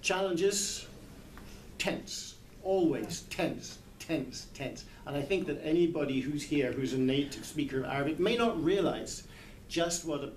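A man in his sixties, a literary translator, talks slowly in a fairly high, slightly mellow voice during an informal book club chat. He hesitates and reaches for words while the small circle sits in a big hall. The distant camera mic, several metres off, captures echo and background noise.

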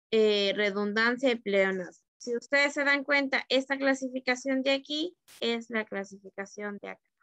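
A woman's voice: on the high side, a bit bright, no echo. A woman teacher giving an online literature lesson, explaining terms step by step and often checking in with her students. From Ecuador.

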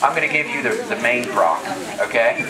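A man's voice: mid-range voice, animated, brisk. A middle-aged man talks into a handheld mic in a large farm hall, and his voice rings through the echoing space. He reads from a proclamation and keeps breaking away from it for jokes. A crowd murmurs in the background. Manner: joking, off-script asides. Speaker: county commissioner presenting awards. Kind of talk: casual public ceremony speech. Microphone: handheld microphone. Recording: echoey hall, crowd noise, distant mic.

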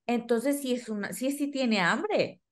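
A woman speaks as an interview guest. Her voice sits a little high and she talks in a teacherly way, posing questions to the listener. She works through one point at a time for parents. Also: measured pace. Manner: didactic, asks listeners questions, acts out children's dialogue.

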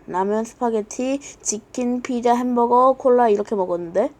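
A woman voicing a lazy, easygoing blob character who talks low, flat and mumbling. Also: moderate pace, natural voice. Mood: deflecting. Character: lazy male fat-blob friend, easygoing.

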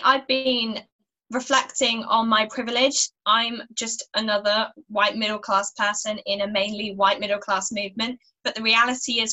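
A woman's voice: a little high, sharp tone, poor audio. A teenage girl, an earnest youth climate activist speaking steadily and articulately to a webcam in a small room at home. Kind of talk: recorded church talk to camera.

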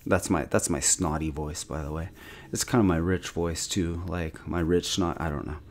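A man's voice: low-pitched, steady tone, moderate pace, a little mellow. A man giving casual, self-critical commentary on his own gameplay as a channel host, thinking aloud with restarts and chuckles.

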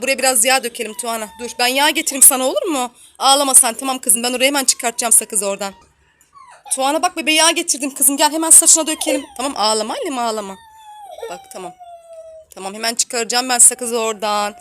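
A woman plays a mother in a toy role-play, coaxing and comforting in a high, bright voice. She talks tenderly and repeats herself, and her pitch swings widely. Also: a little hiss or hum. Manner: coaxing, affectionate, repetitive soothing. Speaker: toy video host.

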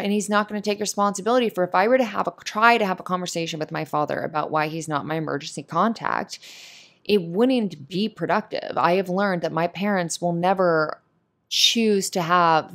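This voice actor's delivery is brisk, her voice lowish with a fairly bright tone. She gives a listener comforting, casual advice in a monologue that's earnest, emphatic and full of opinion.

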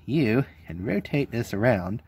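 A man's voice: mid-range voice, sing-song, measured pace, darkish tone, breathy edge, no echo. An American man, a welder, giving a casual hands-on demo of his tools, blunt and joking, filmed one-handed at an outdoor work table. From United States. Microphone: handheld camera mic, filming one-handed.

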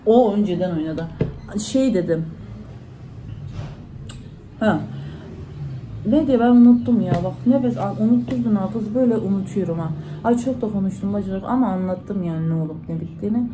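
A woman's voice: mid-range voice, moderate pace, long pauses, background noise. A woman vlogger, chatting casually to her followers at home and retelling conversations in reported speech. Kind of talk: casual vlog talk to followers.

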